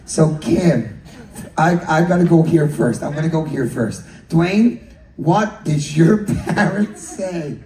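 Scottish male game show host, slow and bouncy, heard from far off in an echoey hall. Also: a little high. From Scotland. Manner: animated and teasing, laughing and shouting punchlines. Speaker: cruise director hosting a couples' game show. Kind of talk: live game show hosting. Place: cruise ship theater with a live audience. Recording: echoey hall, distant mic, crowd noise.

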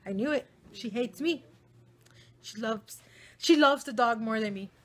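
A woman's voice: fairly high pitch, measured pace, a bit bright, no echo. A young woman vlogging casually and playfully, switching between English and Spanish. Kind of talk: casual vlog chat. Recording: noisy phone vlog audio.

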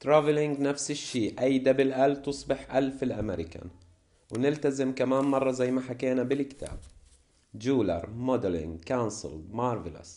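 A man with a Levantine Arabic accent teaches an English vocabulary lesson. He reads each word pair slowly and carefully, as if students are copying along. His voice sits at an everyday middle pitch. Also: warm tone. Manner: slow, deliberate reading of word lists. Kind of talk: classroom lesson explanation.

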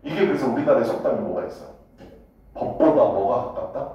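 A man's voice: mid-range voice, animated, a little fast, warm tone. Joking, foul-mouthed male teacher in an echoey room. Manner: blunt, joking, swears casually, keeps asking students "got it?". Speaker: high school English teacher. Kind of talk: casual classroom lecture. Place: classroom. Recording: echoey classroom from a distance.

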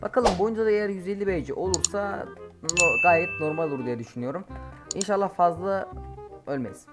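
A man giving live gameplay commentary as a mobile game streamer, excitable and quick to curse and shout at his teammates. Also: sits high, over loud music. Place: home, playing on an emulator.

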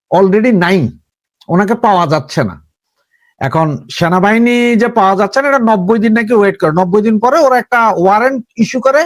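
A man's voice: high voice, no echo. A man with a Bangladeshi Bengali accent giving casual political commentary, talking straight to the listener and asking rhetorical questions. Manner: conversational, addresses listener directly with rhetorical questions.

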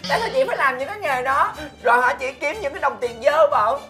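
A naive, emotional younger sister from the countryside. Her voice sits high, and she is whiny and melodramatic. Soft music plays behind her in this sitcom scene. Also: expressive, fast talker, gravelly, full character voice. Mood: dramatic. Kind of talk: sitcom acting.

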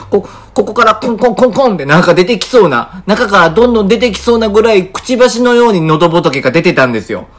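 Woman vlogger, chatty and playful, laughs a lot, with a very lively, swooping pitch. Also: quick pace. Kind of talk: casual talk to camera.

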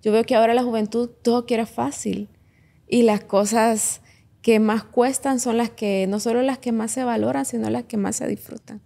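A woman's voice: a little high, fairly even intonation, moderate pace, creaky, dark tone. A woman, a podcast guest and businesswoman, earnestly telling her own story and giving advice. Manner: earnest, reflective, gives advice to listeners. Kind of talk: heartfelt personal testimony.

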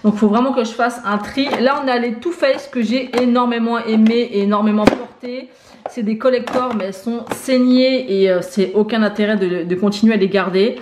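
A woman's voice: a little high, fairly even intonation, moderate pace. Chatty woman touring her makeup collection. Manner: chatty, many fillers, lists items one by one. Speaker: beauty vlogger. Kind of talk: casual makeup collection tour. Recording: echoey room with faint noise.

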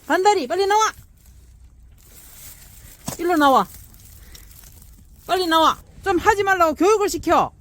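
Lady fussing at her dogs, chuckling a lot, slow, high-pitched. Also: fairly bright tone. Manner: playfully scolding, chuckling often. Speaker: dog owner filming her pets. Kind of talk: casual talk to dogs.

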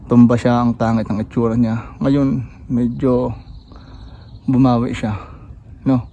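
A man with a gravelly, mellow voice strolls through his backyard garden, talking casually and pointing things out with plenty of fillers. He sounds a bit winded, and faint outdoor noise sits behind him. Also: medium pitch, level tone, slow pace, lo-fi sound. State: slightly out of breath after jogging. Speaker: gardening vlogger.

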